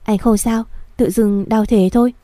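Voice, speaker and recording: A woman voicing a young husband who speaks gently and calmly to reassure his wife. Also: fairly high pitch, moderate pace, no room sound, close to an everyday voice. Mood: soothing.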